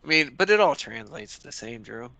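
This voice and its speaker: Gravelly, forceful-voiced male commentator. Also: mid-range voice, sing-song, moderate pace, no room sound. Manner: joking, chuckling banter. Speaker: sports commentator. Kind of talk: casual live sports commentary.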